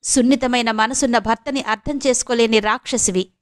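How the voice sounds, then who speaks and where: A woman's voice: on the high side, steady tone, fairly quick, close to an everyday voice. A woman reading an audio novel, voicing a blunt young friend who scolds and needles, in a raised, firm voice. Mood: lecturing. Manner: firm, cutting, lecturing.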